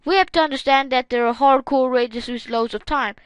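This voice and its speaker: A woman's voice: sits high, a little fast, smooth, dry recording, low-quality recording. A woman hosting a gaming channel, reading forum comments aloud and adding casual, wry, sarcastic asides.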